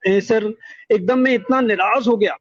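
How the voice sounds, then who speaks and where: Unhurried and high-voiced, a middle-aged caller gives earnest, wordy testimony about his life over the phone, repeating words for emphasis. There's no room sound, and the call recording is dull and lo-fi.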